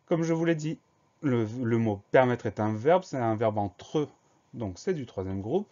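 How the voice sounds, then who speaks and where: A man's voice: medium pitch, expressive, measured pace, dark tone, highs cut off. Methodical man spelling out words. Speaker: teacher. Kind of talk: spelling dictation lesson.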